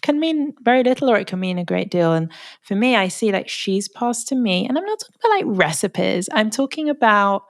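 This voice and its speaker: British woman guest, mid pitch, halting chatty delivery with restarts and easy laughs. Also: big pitch swings, vocal fry. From Britain. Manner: halting, repeats words and restarts often, laughs easily. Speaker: podcast guest. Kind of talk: casual interview chat.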